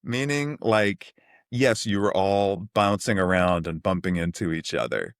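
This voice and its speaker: A middle-aged New man with a low, deep voice, recalling his youth in a loose, animated way. He leans on fillers and sidetracks, and the recording is close and dry with no room sound. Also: unhurried, dry recording. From New York City (Queens). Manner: animated, rambling, uses many fillers like "like". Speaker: podcast guest, CEO. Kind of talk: casual storytelling interview.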